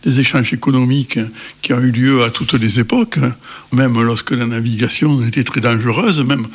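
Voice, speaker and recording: Male guest expert, middle-aged, emphatic and lively, interview. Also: mid-range voice, normal speed, slightly rough. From Cévennes, France.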